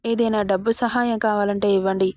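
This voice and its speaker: A woman's voice: medium pitch, steady tone, fairly quick, darkish tone, no echo, natural voice. A woman voicing a rude, dismissive young adult son in a storybook reading, speaking bluntly and with scorn. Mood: scornful.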